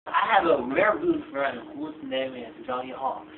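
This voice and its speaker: Gravelly Chinese-accented man, tinny lo-fi. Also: extremely high pitch, big pitch swings. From China. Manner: halting, hunts for words. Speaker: interviewee, gamer. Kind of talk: casual interview answers. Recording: tinny lo-fi echoey room with noise.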